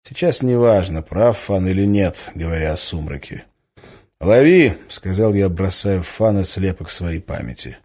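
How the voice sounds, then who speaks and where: A man narrating an audiobook in the first person, with a steady, even reading. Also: sits low, moderate pace, few pauses, dull audio.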